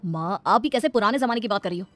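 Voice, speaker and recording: A woman's voice: mid-range voice, lively intonation, fast, a bit bright, soft background music, close to an everyday voice. Young husband, earnest and pleading, storybook cartoon, voiced by a woman.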